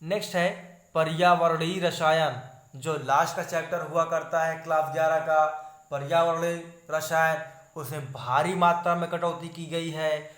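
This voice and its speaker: A man with a somewhat high voice goes through a chemistry syllabus for students. He lists item after item in an even, repetitive way and keeps calling his viewers friends. The room around him is echoey. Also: unhurried. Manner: steady listing tone, repeating "not to study", addressing viewers as friends. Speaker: chemistry teacher. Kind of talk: online exam-syllabus lesson.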